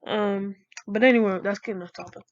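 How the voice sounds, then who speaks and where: A woman's voice: mid-range voice, steady tone, a little fast, muffled recording. A woman from the United States talking casually about facts, rambling with many fillers and restarts. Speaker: video creator. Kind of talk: unscripted casual talk.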